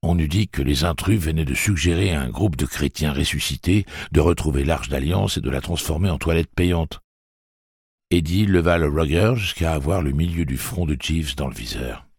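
A man reading a novel aloud as an audiobook narrator, steady and measured. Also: rumbling low, breathy edge, dry recording, clean studio sound. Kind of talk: scripted narration.

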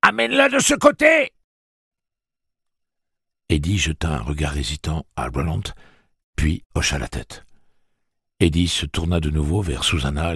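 A man reading a dark fantasy audiobook in an expressive storytelling manner. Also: rumbling low, slightly rough, no room sound, studio quality. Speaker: audiobook narrator. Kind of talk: dramatic audiobook narration.

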